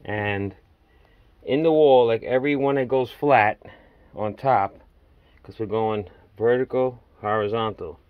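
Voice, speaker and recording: A middle-aged man films his own home building project on a handheld phone, standing outdoors in a dug-out basement stairwell at a house. His mid-range voice comes at a measured pace with a clean tone, no room sound, and the highs cut off. The walkthrough is casual and rambling, plainspoken working-man talk.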